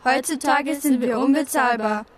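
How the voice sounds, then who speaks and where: A woman's voice: high-pitched, normal speed, crowd noise, natural voice. A woman playing a proud, vain marble victory goddess with a grand, theatrical manner in an educational audio drama. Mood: proud, boastful.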